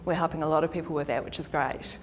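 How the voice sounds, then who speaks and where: A New Zealand woman, a career counsellor, gives a chatty, informal workshop talk to an audience in a meeting hall, laughing often. Her voice sits low, with fairly even intonation and a fast pace. The recording carries a long hall reverb.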